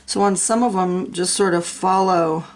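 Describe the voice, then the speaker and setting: Speaking at a moderate pace in a fairly low, steady voice, a middle-aged woman walks through a coloring tutorial while a little sick and sniffling. She's encouraging and chatty, murmuring to herself as she works.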